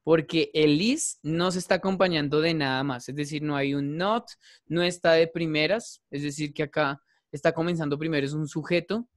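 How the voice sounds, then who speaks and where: A man's voice: fairly high pitch, steady tone, normal speed, dry recording, studio quality. A man teaching an English grammar class, explaining patiently and repeating himself, often checking in with his students. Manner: patient, repetitive, checks in with "¿listo?".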